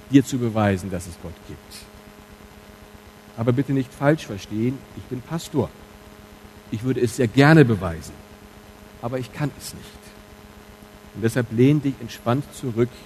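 A man preaching a sermon as pastor in church, speaking candidly and directly to his congregation, moving between quiet asides and loud emphatic stresses. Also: mid-range voice, slight background noise, poor audio.

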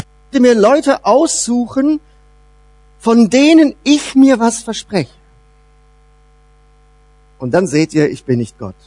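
Animated preacher, high lively voice. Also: male voice, husky, no echo. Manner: animated preaching, swings between loud emphasis and soft low asides. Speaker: pastor. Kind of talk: sermon.

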